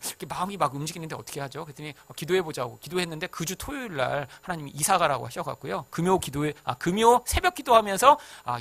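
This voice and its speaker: A man delivers a sermon in a high, very lively voice that leaps up and down. His tone is strikingly bright and forceful, and it is recorded close and dry with no room echo. He talks to the congregation conversationally, then bursts out loudly. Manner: animated, conversational preaching with sudden loud outbursts. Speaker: pastor.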